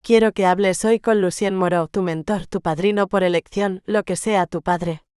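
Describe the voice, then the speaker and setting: A woman's voice: mid-range voice, steady tone, normal speed, a little mellow, clear, resonant tone, no echo, clean studio sound, close to an everyday voice. A woman reading the part of a young bride in love, playful and frank in her speech. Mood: resolute. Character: young English bride, spirited and loving.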